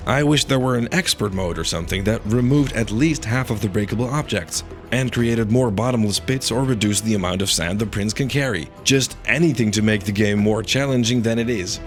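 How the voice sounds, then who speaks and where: A man's voice: fairly low pitch, a little fast, hardly any pauses. A man narrating a scripted video game review in an opinionated, critical manner. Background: faint background music.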